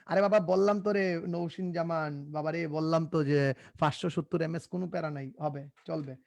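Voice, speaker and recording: A young man teaches a live online class, joking and coaxing his students to answer. His voice sits a little high. The recording is close and dry, with no room sound. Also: steady tone, moderate pace, gravelly, darkish tone, dry recording. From Bangladesh. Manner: casual, joking, repeats himself, coaxes students to answer.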